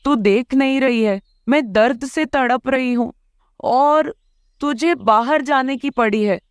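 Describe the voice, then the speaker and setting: A woman's voice: high-pitched, slow, clean tone, no room sound, studio quality. A woman voicing a scheming, nagging old mother-in-law bird in a cartoon, scolding and wailing dramatically.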